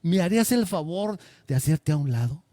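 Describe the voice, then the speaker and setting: A man voicing a calm, unhurried old philosopher, a little amused. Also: fairly high pitch, no echo, in a large hall, lightly acted.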